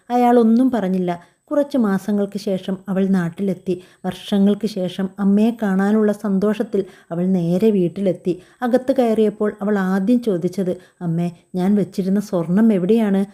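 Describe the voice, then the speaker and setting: Dark-voiced woman narrating a family story. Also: mid-range voice. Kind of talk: scripted narration of a family drama.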